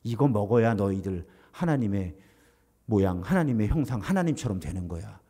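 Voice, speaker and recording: A pastor putting on a low, sneering Satan. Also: male voice, lively intonation, normal speed, dark tone, slightly rough. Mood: taunting. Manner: sneering, mocking. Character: taunting male Satan, scornful tempter.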